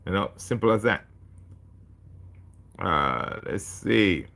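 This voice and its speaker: Reading viewers' comments aloud, a Tanzanian football channel host keeps his livestream laid-back and chummy. His voice sits low and sounds creaky, pushed, and bright, very animated yet slow-paced.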